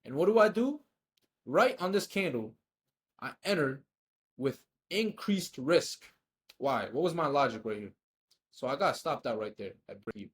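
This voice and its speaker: A man going back over his own trades, frustrated and scolding himself, swinging between loud outbursts and low muttering. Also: animated, normal speed, pauses often. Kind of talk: self-critical screen-share trade recap.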